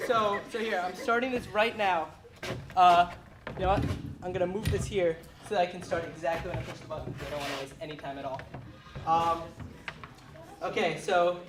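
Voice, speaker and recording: A reader performing a children's book aloud for a small audience, quick and giggly, laughing between lines. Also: medium pitch, noisy background. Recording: echoey room, voice from far off.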